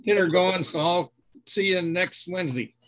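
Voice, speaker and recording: A man's voice: sits high, normal speed, crowd noise. A man stammering easygoingly as he signs off a video call. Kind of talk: casual video call chat.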